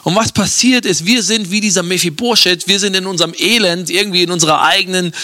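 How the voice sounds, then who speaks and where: A man's voice: high-pitched, fast, bright, forceful tone, dry recording. Enthusiastic man preaching casually. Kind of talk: devotional sermon.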